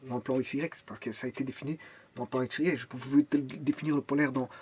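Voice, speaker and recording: A man's voice: mid-range voice, steady tone, fast talker, darkish tone, muffled recording, a little hiss or hum. A man teaching a math and physics lesson, explaining step by step, thinking aloud, repeating words and restarting often, and asking and answering his own questions.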